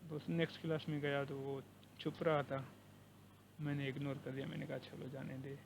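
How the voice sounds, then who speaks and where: A man's voice: medium pitch, level tone, brisk, creaky, a little hiss or hum, rough recording. A man with a Pakistani accent, a university lecturer, talking to camera in an earnest conversational way and slipping English words into his speech. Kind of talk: personal talk to camera. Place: living abroad, recording informally.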